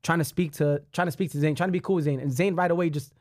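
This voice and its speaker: A man hosting a casual podcast, animated and slangy, swearing freely and repeating phrases for emphasis. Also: fairly high pitch, fast talker, no echo, clean studio sound. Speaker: podcast host.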